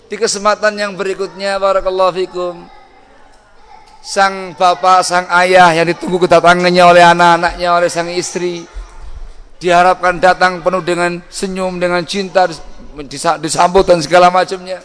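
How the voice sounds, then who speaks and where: A middle-aged man preaching a sermon on family life, lively, acting out home scenes in sudden loud voices. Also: high voice, normal speed, clear, resonant tone. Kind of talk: Islamic sermon.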